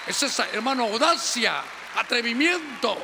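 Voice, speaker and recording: A man preaching a sermon, exhorting his congregation fervently and acting out church members in quick asides. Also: extremely high pitch, expressive, creaky, a crowd in the background, noisy background. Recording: long hall reverb.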